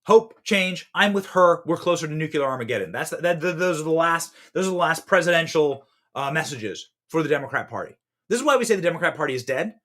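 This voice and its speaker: A man delivers impassioned political commentary as a podcast host. His fairly high voice swings from loud outbursts to hushed, pointed asides. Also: lively intonation, quick pace. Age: 30s.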